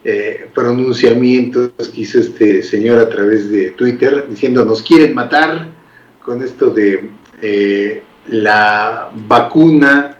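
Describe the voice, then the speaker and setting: A man hosts a talk show in a loose, conversational way and is quick to agree. His voice sits away from the mic in a roomy space. The sound is dull and muffled. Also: mid-range voice, far from the mic.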